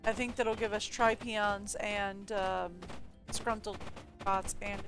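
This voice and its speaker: A woman's voice: mid-range voice, steady tone, slow. A woman giving casual, chatty gameplay commentary, teasingly talking to the game's characters. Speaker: gameplay streamer. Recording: game music behind the voice. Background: game music.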